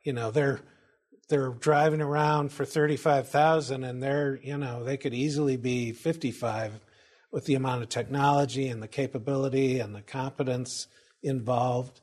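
A man co-hosting a casual studio talk show, offering thoughtful, measured commentary. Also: mid-range voice, steady tone, darkish tone. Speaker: co-host.

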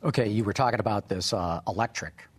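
A male interviewer who briskly rattles off questions one after another. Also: lowish voice.

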